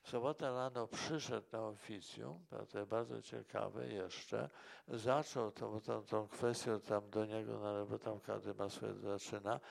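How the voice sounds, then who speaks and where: A man's voice: lowish voice, steady tone, measured pace, vocal fry. A man, a monk and priest, answering interview questions in a rambling way and often tagging his remarks with a questioning "right?". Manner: rambling, tags remarks with "prawda?".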